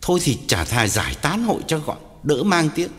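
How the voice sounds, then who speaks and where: A man's voice: fairly high pitch, wildly swooping pitch, normal speed, fairly bright tone, long reverb tail, pitched above the performer's own voice. A man voicing a sulky middle-aged village husband who grumbles and pities himself, in an audiobook. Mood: grumbling. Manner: grumbling, self-pitying. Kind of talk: audiobook character voice.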